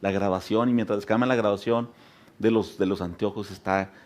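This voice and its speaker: A man preaching a sermon as a pastor. He often addresses the congregation as brothers and sisters, and at times his voice rises to loud, impassioned preaching. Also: fairly low pitch, steady tone, a little fast. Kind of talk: Spanish sermon.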